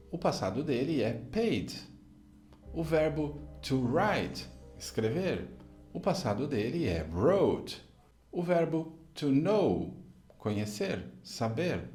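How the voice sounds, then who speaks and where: A man from Brazil teaching an English lesson in a video, explaining grammar step by step and saying example sentences slowly. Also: mid-range voice, a little mellow.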